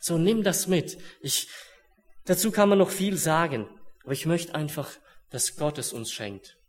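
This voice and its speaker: A man's voice: fairly high pitch, animated, a little slow. Earnest man preaching a sermon. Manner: earnest, swings from hushed solemn to raised urgent.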